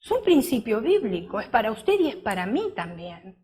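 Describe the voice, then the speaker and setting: A woman's voice: on the high side, big pitch swings, moderate pace, darkish tone. A woman preaching a sermon. She keeps asking the congregation questions and acts out the parable as she tells it.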